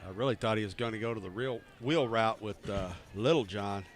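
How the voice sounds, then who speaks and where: A man offers relaxed color commentary at a high school football game at an outdoor stadium. He picks apart each play in easy, analytical asides. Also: fairly quick.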